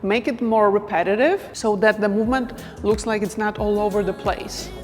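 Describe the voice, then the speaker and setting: A woman teaching dance moves in a casual instructional talk, counting beats softly as she demonstrates. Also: medium pitch, moderate pace, long reverb tail, faint music behind.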